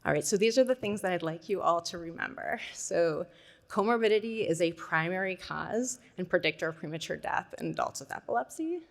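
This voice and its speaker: A woman presents at a conference in a fairly low voice. She talks through her points conversationally, with hedging asides and occasional fillers. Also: fairly quick, gravelly. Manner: conversational, thinking aloud. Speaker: conference speaker.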